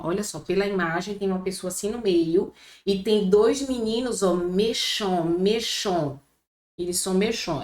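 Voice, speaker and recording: A woman with a Brazilian Portuguese accent teaching a vocabulary lesson, slowly repeating each word for her students. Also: on the low side, darkish tone. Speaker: French teacher. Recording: echoey room.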